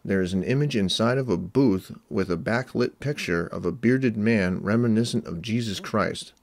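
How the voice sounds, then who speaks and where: A man reading a scripted analytical narration in a measured, explanatory way. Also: on the low side. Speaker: video essay narrator.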